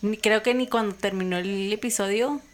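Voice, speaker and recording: A woman's voice: medium pitch, normal speed, a little hiss or hum. A woman co-hosting a podcast, playful and casual, repeating words as she tries to say them. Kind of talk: casual chat.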